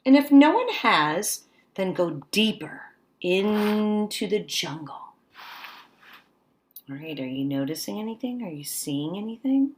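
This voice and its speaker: At a medium pitch, a female teacher brings a picture book to life for children, reading expressively and coaxingly. She stops periodically to put questions to the youngsters.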